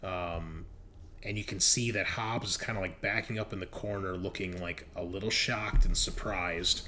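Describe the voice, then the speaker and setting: Deep-voiced and sharp in tone, a man runs a tabletop game as game master, improvising the narration at a normal speed in a steady way. He talks casually and colloquially, with some profanity, over clear background noise.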